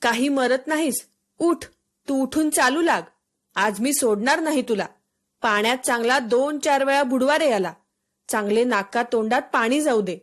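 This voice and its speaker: A woman voicing a strict village mother in a storybook reading, giving sharp commands. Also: sits high, normal speed. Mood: scolding.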